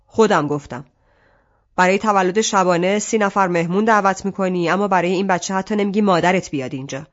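A woman reading an audiobook, voicing a tired father who talks in a low, weary but firm way. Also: highs cut off, close to an everyday voice. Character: tired, weary father defending his son.

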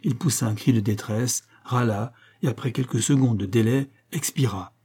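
A man narrating an adventure novel as an audiobook reader, in a measured storytelling way. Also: medium pitch, mellow, slightly rough. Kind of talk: scripted narration.

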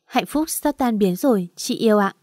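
A woman's voice: mid-range voice, animated, normal speed, darkish tone, no echo, studio quality, lightly acted. A woman voicing a sly, scheming young woman who speaks sweetly.

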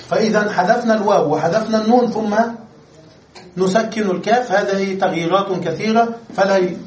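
A male Arabic grammar lecturer giving a classroom lesson, explaining step by step and checking that students understand. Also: high voice. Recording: roomy echo, distant mic, faint noise.

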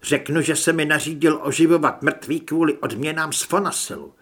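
A man's voice: a little high, fairly even intonation, fairly bright tone, husky. A man voicing a chubby, fanatical male occultist who whines when scared and turns commanding. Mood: menacing. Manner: whining and pleading when scared.

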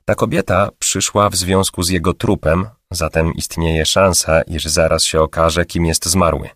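A man calmly narrating an audiobook in a steady reading voice. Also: sits low, unhurried, dry recording, clean studio sound. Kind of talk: scripted narration.

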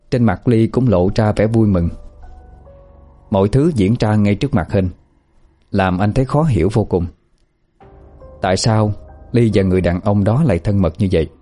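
A man reading a dramatic story aloud in earnest, steady scripted narration. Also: on the low side.

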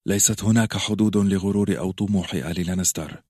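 A man's voice: low-pitched, steady tone, fast, darkish tone, husky, no echo, studio quality. A man voicing a resolute noblewoman who speaks firmly and decisively. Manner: firm, decisive. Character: resolute noblewoman mother, firm.

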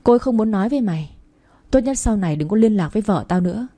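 A woman voicing a cold, dismissive young man who speaks curtly, with a husky voice. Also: mid-range voice, expressive, very fast, mellow, close to an everyday voice. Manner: curt and dismissive.

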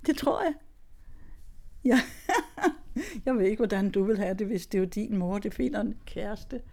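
A woman's voice: mid-range voice, expressive, a little mellow. An older woman, telling a personal story in casual talk, chatty and often laughing, with many restarts. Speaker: guest telling her story.

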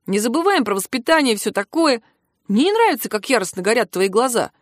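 Woman voicing a cheeky young prince in a woman's body, teasing, mocking, fairly high, dry. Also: big pitch swings, fast talker, no room sound. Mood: panicky.

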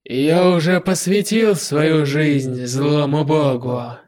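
A man voicing a smug, menacing male demon lord with a dry voice, speaking slowly and in a drawn-out way. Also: a little high, steady tone, darkish tone. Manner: slow, drawn-out, self-satisfied delivery.

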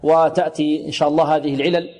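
A man teaching the rules of Quran recitation in a lesson, asking rhetorical questions, answering them himself, and slowly repeating words to show how they should sound. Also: on the high side, level tone, darkish tone. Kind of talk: tajweed lesson, explaining and demonstrating recitation. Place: religious radio program recording.

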